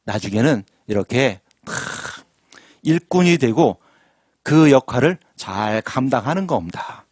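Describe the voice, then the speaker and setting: A man's voice: mid-range voice, lively intonation, unhurried, darkish tone, husky, dry recording, clean studio sound. A man preaching a sermon as pastor, asking the congregation questions and drawing call-and-response. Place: church sanctuary.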